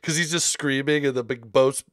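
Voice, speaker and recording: A man co-hosting a casual gaming podcast, talking excitably and swearing casually. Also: mid-range voice, normal speed, no echo, clean studio sound. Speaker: podcast co-host.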